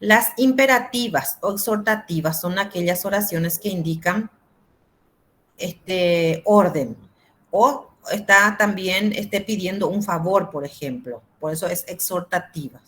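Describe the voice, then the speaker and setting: A Spanish teacher with a lowish voice teaches grammar over a video call, unhurried. She explains patiently using simple examples and lots of fillers.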